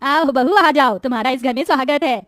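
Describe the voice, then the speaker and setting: A woman's voice: high-pitched, a little fast, a bit bright, no room sound, clean studio sound. Monalika, a woman doing a fussy mother-in-law. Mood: coaxing. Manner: coaxing, fussy. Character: wealthy mother-in-law, fussy but patient. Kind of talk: Hindi cartoon voice acting.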